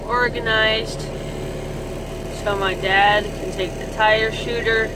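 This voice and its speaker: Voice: mid-range voice, fairly even intonation, takes it slowly, very noisy. A teenager talking casually through a farm vlog, filmed in a skid loader cab and around the farmyard. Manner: casual, plain-spoken. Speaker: farm vlogger. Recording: loud background music.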